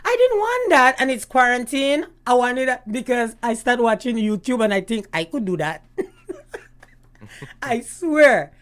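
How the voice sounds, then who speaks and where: This guest of a YouTube gossip host is a middle-aged Canadian woman whose voice is on the high side and who takes things slowly. In a casual chat she tells stories in a chatty way, often breaking into laughter.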